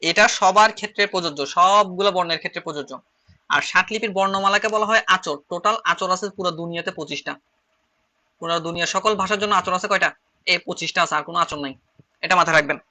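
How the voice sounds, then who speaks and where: Fast, bright-voiced male shorthand teacher. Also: high-pitched. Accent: Chittagong Bengali. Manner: repeats phrases while writing on slides. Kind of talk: online class lecture.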